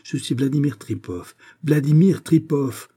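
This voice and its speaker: A man reading an audiobook, voicing a furious bearded Russian policeman who shouts and repeats himself. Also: medium pitch, moderate pace, husky, lightly acted. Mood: furious shouting. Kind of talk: audiobook character voice.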